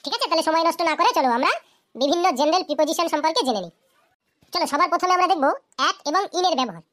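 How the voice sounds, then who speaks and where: A woman voicing a very high-pitched cartoon teacher. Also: lively intonation, racing, a bit bright. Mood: explaining. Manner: asks pupils questions, then answers them. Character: patient female cartoon teacher explaining grammar. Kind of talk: children's cartoon grammar lesson.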